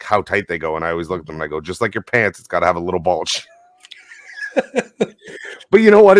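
In a low-leaning voice, a man in his thirties who works as a tow operator tells animated stories and laughs a lot while co-hosting a casual podcast. The recording is dry, with clean studio sound.

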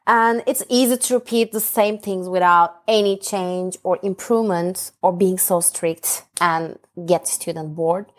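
A woman's voice: on the low side, steady tone, a little slow, hardly any pauses. A woman in her thirties from Turkey, a Turkish native speaker, answering interview questions in English with a hesitant, filler-heavy manner. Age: 30s. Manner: hesitant, frequent "uh", laughs easily. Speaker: interview guest, English student. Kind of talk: casual interview chat.

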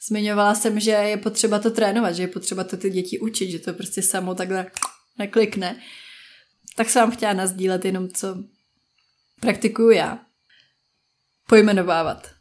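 A woman's voice: mid-range voice, steady tone. A woman in her thirties, a parenting podcast host, talking in a chatty, casual way and briefly acting out friends and children. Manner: chatty, acts out friends and children in quick asides. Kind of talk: casual solo talk.

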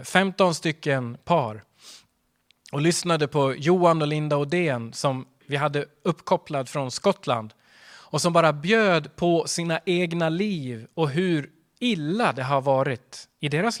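Male pastor, fairly high voice, earnest sermon delivery with rhetorical questions and emphatic peaks. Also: a bit bright.

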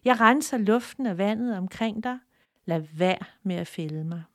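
A woman's voice: medium pitch, animated, dry recording, clean studio sound, close to an everyday voice. A woman voicing an old talking oak tree that insists, lecturing, that it must not be cut down. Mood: pleading.

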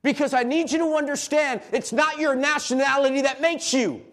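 A pastor preaching a sermon in a church and calling on the congregation to answer back. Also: male voice, extremely high pitch, fairly even intonation, brisk. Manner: call-and-response preaching, rising to shouts. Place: church sanctuary.

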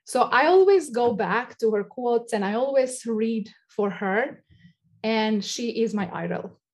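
Higher-voiced woman with an Albanian accent. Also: expressive, a little slow, darkish tone. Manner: non-native English phrasing. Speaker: coordinator of a refugee shelter. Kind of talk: earnest interview talk.

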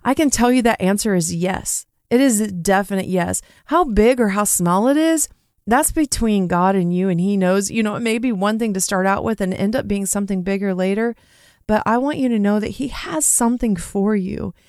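Middle-aged woman podcasting about faith, earnest and rambly, stumbles over words, mid-pitched, clear voice, dry home mic. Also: moderate pace, a little mellow, no echo. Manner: earnest, rambling, repeats words when stressed. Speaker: podcast host. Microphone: home recording mic.

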